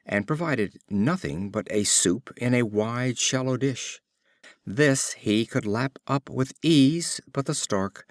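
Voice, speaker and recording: A man with a low-pitched voice reads old fables the way an audiobook narrator would. His intonation rises and falls in lively swings, and his phrasing is expressive and measured. The recording sounds close and dry.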